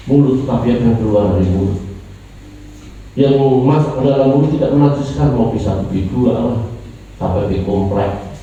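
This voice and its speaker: A man with an Indonesian accent, a pastor preaching a sermon, moving between soft low asides and raised emphatic lines. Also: slight background noise. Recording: echoey, distant, dull church livestream.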